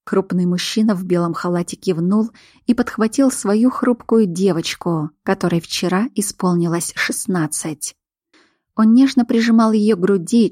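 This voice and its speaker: A woman narrating a dramatic story as an audiobook in a measured, storytelling manner. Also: fairly low pitch, darkish tone, dry recording, clean studio sound.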